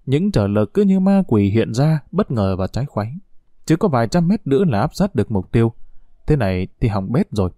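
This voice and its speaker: A man reading a war novel aloud as an audiobook narrator, with expressive, dramatic delivery. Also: medium pitch, a little fast, no room sound, clean studio sound.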